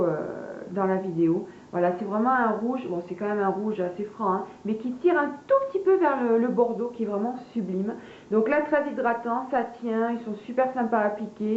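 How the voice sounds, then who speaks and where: Woman, beauty vlogger, casual haul chat, hesitant, fillers, faint party noise behind. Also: on the high side. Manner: chatty, hesitant, many fillers, addresses viewers as girls. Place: room at home, party noise from below. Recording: echoey room, dull lo-fi sound, faint party noise.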